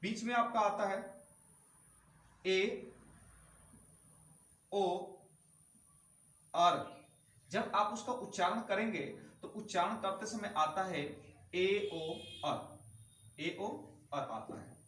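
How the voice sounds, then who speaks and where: High-voiced male teacher in an echoey room. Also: very slow, pauses often, fairly bright tone, far from the mic. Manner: explaining step by step, repeating key sounds and asking rhetorical questions. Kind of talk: classroom grammar lesson.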